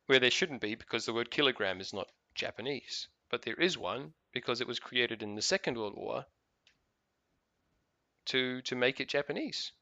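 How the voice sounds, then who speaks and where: A man's voice: mid-range voice, expressive, normal speed, creaky, pushed and bright, no echo, lo-fi sound. A man with a New Zealand accent chatting casually while playing a game, rambling with lots of fillers and restarts. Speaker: gaming video host.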